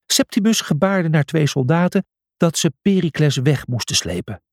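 A man's voice: on the high side, expressive, moderate pace, darkish tone, no room sound, studio quality. A man narrating a children's story audiobook in a dramatic, scripted style.

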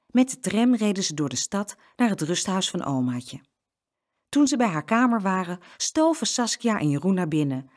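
A woman reading a children's story aloud with an expressive, lively delivery. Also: medium pitch, normal speed.

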